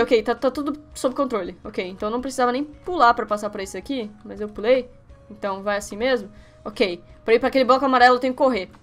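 A young Brazilian woman giving let's-play commentary on her webcam setup, excitable and quick to yelp and shriek at each slip. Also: on the high side. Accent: Brazilian Portuguese. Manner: excitable, yelps and shrieks when failing. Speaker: gaming youtuber.

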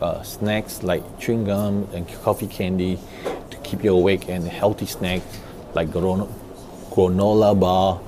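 A man in his thirties giving family road-trip tips in a casual, halting way, with many fillers and restarts, recorded on a lapel mic. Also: deep voice, warm tone, a little hiss or hum. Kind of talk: casual how-to talk. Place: office room, then parked car.

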